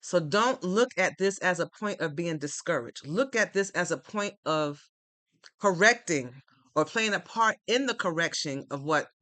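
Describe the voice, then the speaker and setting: A man's voice: high-pitched, animated, moderate pace, sharp tone, dry recording. A man hosting a live stream, giving earnest, repetitive, faith-based encouragement to viewers. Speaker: livestream host. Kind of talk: motivational live-stream talk.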